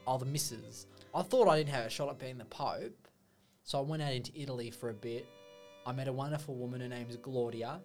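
A man's voice: mid-range voice, a little fast, soft background music, close to an everyday voice. A man playing a rambling ex-plumber who wants to join the clergy, in improvised comedy. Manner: rambling, hesitant, full of ums. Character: blokey Australian ex-plumber priest candidate. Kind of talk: improvised comedy role-play.

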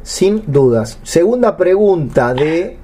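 A man's voice: a little high, sing-song, slow pace, crowd noise. An Argentine man with a Rioplatense accent, co-hosting a podcast, reading out listener questions with brief, dry retorts. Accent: Rioplatense Spanish. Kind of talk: comedic podcast banter.

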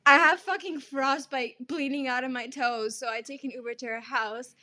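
A young woman co-hosting a podcast, telling animated, profane stories in casual chat with her friend. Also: sits high, normal speed. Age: young adult. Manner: animated storytelling, swearing, laughing often. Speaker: podcast co-host.

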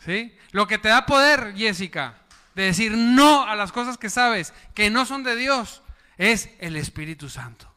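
A man's voice: sits high, lively intonation, unhurried, sharp tone, clear, resonant tone, long reverb tail. A man preaching a sermon as pastor, calling on the congregation to repeat words and applaud. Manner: preaching with call-and-response to the congregation.

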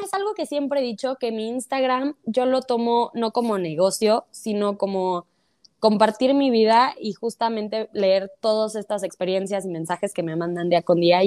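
A woman's voice: fairly high pitch, a little mellow, no room sound, clean studio sound. A young Mexican woman, a social media creator, chatting as an interview guest in a bubbly, gushing way and laughing often. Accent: Mexican Spanish. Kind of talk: casual interview chat.

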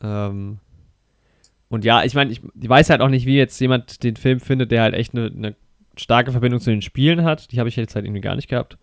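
A relaxed man rambles through a podcast film review, full of fillers, self-corrections and excited slang. His voice sits at an ordinary middle pitch. The recording is dry and close, with no room sound. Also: fairly quick, dry recording. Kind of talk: casual film review chat.

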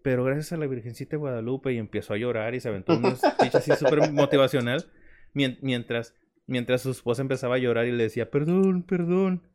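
A man with a Mexican Spanish accent, co-hosting a casual podcast and telling stories in a slangy, animated way. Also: medium pitch, quick pace. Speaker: podcast co-host. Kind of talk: casual chat.

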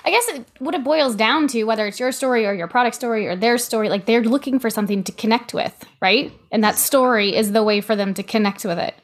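A woman's voice: a little high, quick pace, few pauses. A woman hosting a casual interview, chatty and loose, with many "like"s and "you know"s. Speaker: host.

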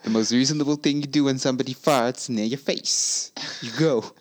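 A young man co-hosting a crude casual podcast chat, teasing his friend in a deadpan way. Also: mid-range voice, fairly quick. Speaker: podcast co-host.

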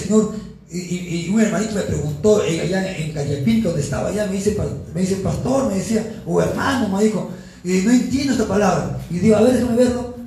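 A man's voice: sits high, gravelly, warm tone. A man preaching a sermon as pastor, telling his story with fervor. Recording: echoey church room with faint noise.

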